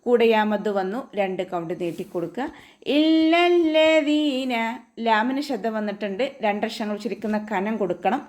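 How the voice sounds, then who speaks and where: A woman with a Malayali accent leads an online Quran recitation lesson. She explains pronunciation rules patiently, one letter at a time. She regularly chants the verses slowly as examples for her students. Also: medium pitch, darkish tone.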